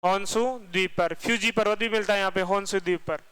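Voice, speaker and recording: A man teaching a geography class, firing quick questions at his students and repeating the answers himself. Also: high voice, fairly even intonation, fairly bright tone, smooth, rough recording.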